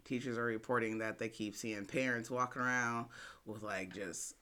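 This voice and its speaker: A man's voice: fairly low pitch, fairly even intonation, moderate pace, sharp tone, clear, resonant tone. A man in a casual, profane chat with friends, laughing easily and chiming in with short agreements. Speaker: podcast co-host.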